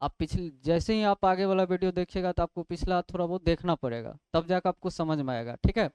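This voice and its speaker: A man teaches English grammar in a classroom lecture, working through it step by step and answering his own questions. His voice is high with a darkish tone and a fairly quick pace, recorded cleanly with no echo.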